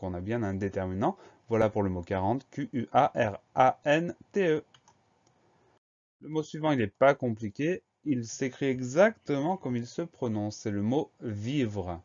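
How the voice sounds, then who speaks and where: A man's voice: lowish voice, a little mellow. A man teaching a spelling lesson, patiently spelling out words letter by letter before giving a dictation. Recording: dull lo-fi recording.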